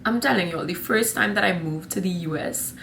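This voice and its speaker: A young Trinidadian woman from Trinidad and Tobago vlogs to camera, rambling and sassy, calling her viewers honey and y'all. Her voice sits on the low side and is brisk and creaky, with a fairly bright tone. There's a little hiss or hum in the recording.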